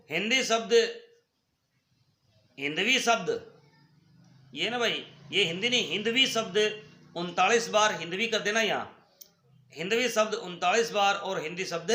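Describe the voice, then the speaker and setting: A man with a Haryanvi accent teaching a school lesson, patiently repeating words slowly for his students. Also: high voice, pushed and bright, echoey room. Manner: addresses students as brother.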